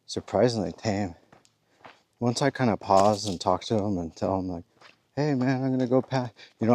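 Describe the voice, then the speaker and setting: Man, deep voice, easygoing hiker vlog, talks while walking outdoors. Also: darkish tone. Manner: rambling, easygoing, with chuckles. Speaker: thru-hiker vlogger. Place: outdoors on a forest trail.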